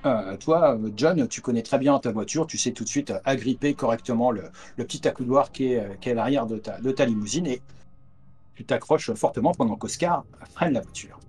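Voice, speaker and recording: Man, game master narration, mid pitch, hesitant fillers, headset on a video call, faint music behind. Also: brisk, a little mellow, breathy edge. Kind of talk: narrating a tabletop horror game.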